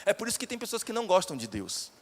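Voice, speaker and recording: A pastor preaching live, his high voice leaping around as he keeps questioning the congregation. The sermon rings with long reverb through a church hall. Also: fast. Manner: animated, questions the congregation directly.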